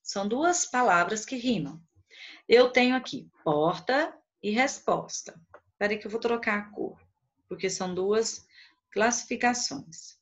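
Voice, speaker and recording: A woman teacher giving a poetry lesson, counting out the syllables of each verse slowly and one by one. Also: a little high. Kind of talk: online class on poetry. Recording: dull lo-fi recording.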